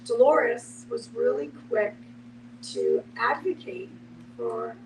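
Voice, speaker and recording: Taking it slowly, a woman with a slightly high voice reflects on her thoughts as a panelist in a podcast group discussion, often using "you know." The mic is distant, and the recording is noisy with a background hum.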